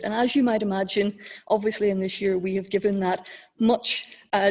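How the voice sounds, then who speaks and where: Woman, education director, explanatory talk to students, mid pitch, occasional ums. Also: a little mellow, husky. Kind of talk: informative address to new students.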